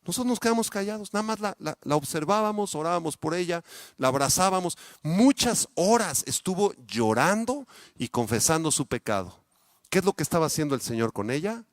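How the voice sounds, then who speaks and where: A Mexican-accented male pastor preaching a sermon in a fairly high voice. He swings from loud, emphatic peaks down to hushed, low asides and keeps asking his listeners direct questions. The sound is close and dry, with no room echo. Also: big pitch swings, brisk. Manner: addresses the congregation directly with frequent rhetorical questions.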